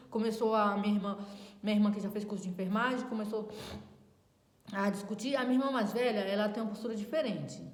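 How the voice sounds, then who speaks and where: A woman giving a personal faith testimony, talking conversationally and often addressing her listeners directly. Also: on the high side. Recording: roomy, with long reverb.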